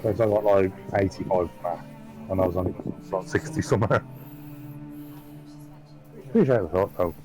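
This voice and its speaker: Man, player, low voice, counts aloud, music behind. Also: moderate pace, long pauses, rough recording. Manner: works out numbers aloud. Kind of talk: casual game chat.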